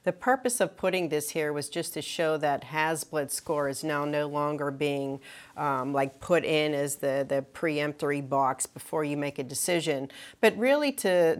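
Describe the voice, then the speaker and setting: A woman with a notably low voice, talking as a clinician on a medical panel. She explains in an earnest, careful way, with many ums and restarts as she works through her points. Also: normal speed. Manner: earnest, explanatory, frequent fillers.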